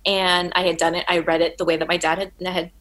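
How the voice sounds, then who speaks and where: A woman's voice: fairly low pitch, level tone, quick pace, a bit bright, poor audio. A woman telling stories as a guest in a casual interview, chatty, with many restarts.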